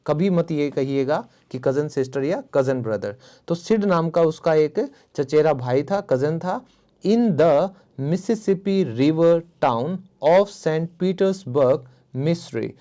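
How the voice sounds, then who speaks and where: A young man with an Indian accent teaching an English reading lesson. He reads the English slowly, word by word, and then explains it in quick, friendly speech. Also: fairly high pitch, warm tone.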